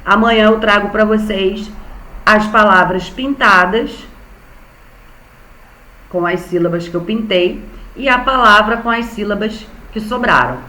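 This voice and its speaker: A woman's voice: medium pitch, unhurried, pauses often, pushed and bright, roomy sound, low-quality recording. A young Brazilian woman teaching an online class to small children, patiently spelling out syllables. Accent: Brazilian Portuguese. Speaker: primary school teacher.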